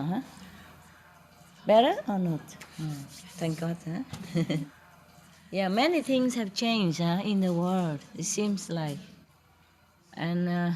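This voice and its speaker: A woman's voice: fairly low pitch, a little mellow. A woman spiritual teacher chatting casually with a gathering, playful and laughing often, in broken English.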